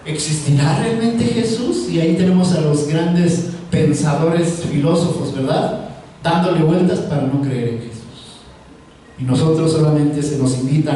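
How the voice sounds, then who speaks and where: High-voiced preacher in an echoey hall. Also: male voice, dark tone, a little hiss or hum. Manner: asks the audience frequent questions. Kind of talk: sermon with call-and-response. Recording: roomy echo, mic at a distance.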